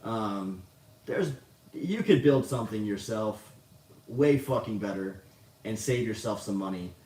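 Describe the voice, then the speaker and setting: A man's voice: on the low side, expressive, measured pace, warm tone. Laid-back, rambling man in a roomy space. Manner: rambling, profane, self-mocking. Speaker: livestream host answering chat. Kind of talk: casual livestream chat. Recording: roomy, distant mic, faint noise.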